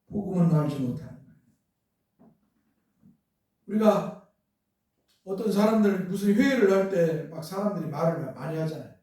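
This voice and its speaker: A man's high, darkish voice fills a church sanctuary as he preaches as pastor. He uses rhetorical questions and rises to emphatic bursts. The recording is very echoey, captured by a distant mic in the church hall.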